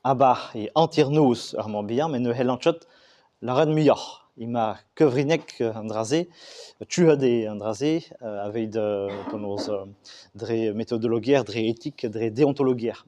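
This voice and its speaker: A man giving an explanatory talk, speaking haltingly with many fillers and restarts. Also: mid-range voice, mellow. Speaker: Breton language speaker discussing regional and school Breton.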